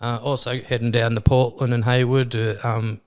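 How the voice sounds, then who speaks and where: An Australian man in his forties talks casually as an interview guest. His voice is clean and smooth in tone, though his words come out slightly gummy and slurred, as with no teeth in. He has a joking, self-deprecating way about him. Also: medium pitch, flat delivery, normal speed. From western Victoria, Australia. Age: 40s. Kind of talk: casual chat.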